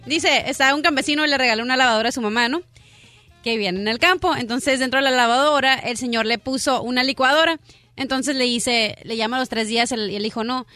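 A woman, a doctor guest on a radio show, telling jokes in lively banter. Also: high-pitched, fairly quick, soft background music.

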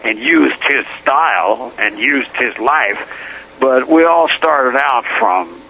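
This prison inmate caller, an older man, is heard through a muffled payphone line with faint hiss, rambling, chanting words again and again, and laughing. His medium-pitched voice is expressive and slow, creaky yet bright, with a forceful tone.

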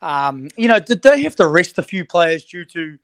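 A man's voice: sits high, sing-song, moderate pace, a bit bright, no echo. A man, a rugby coach giving analysis as an interview guest.

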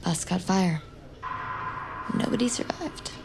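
A woman with a fairly low, creaky voice speaks slowly over background noise. She portrays a driven, curious young crime survivor in an audio drama, setting out facts with intent, urgent emphasis in naturalistic fashion.

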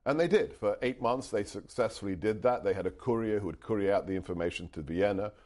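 Speaking fast in a lowish, slightly mellow voice, a middle-aged UK-raised man who speaks Hungarian answers interview questions as a guest author. His storytelling is earnest and emphatic, with many restarts.

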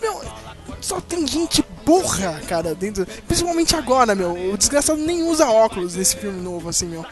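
A Brazilian man co-hosting a casual podcast, swearing freely and playing out little scenes as he talks. His voice sits high for a man. Music plays behind him. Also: normal speed. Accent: Brazilian, São Paulo slang. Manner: animated, profane, acts out quoted characters. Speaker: podcast co-host. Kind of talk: casual chat about comics and series.

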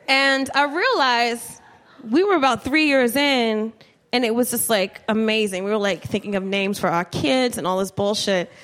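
A woman in her thirties doing stand-up on a club stage into a handheld mic, telling a story, profane and animated, talking to the crowd. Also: a little high, moderate pace. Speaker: stand-up comedian. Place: comedy club stage with live audience. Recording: live show with faint room noise.

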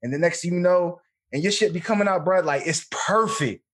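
A man's voice: sits high, fairly quick. A man in casual podcast banter, slangy and peppering his talk with bro, dog and you know what I mean. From Philadelphia, United States.

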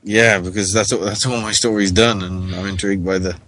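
A man's voice: deep voice, level tone, a bit bright, rough recording. A man co-hosting a radio talk show, chatting casually with a wry, joking manner. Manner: chatty, wry, quick to joke. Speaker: podcast co-host. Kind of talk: casual chat.

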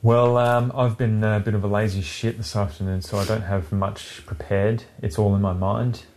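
A man with a very deep voice co-hosts a chatty podcast. He talks in a loose, sardonic way, dropping swear words freely. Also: flat delivery, normal speed, a little mellow. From Britain. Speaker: podcast co-host. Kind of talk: casual chat.

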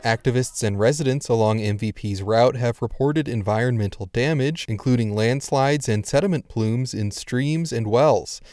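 A man's voice: mid-range voice, moderate pace, hardly any pauses, a little mellow, no echo, studio quality. A man delivering a scripted radio news report as a reporter.

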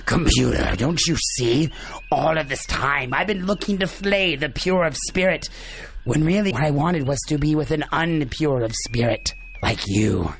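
A man's voice: on the high side, normal speed, a little hiss or hum, lightly acted. A man playing a vain, grandiose demon in an audio comedy drama, speaking in a pompous, theatrical way. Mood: smitten grandiosity.

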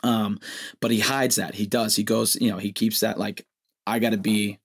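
Reflective man with halting speech. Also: on the low side, steady tone, breathy edge. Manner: reflective, halting, many restarts. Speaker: guest songwriter. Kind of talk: casual podcast chat.

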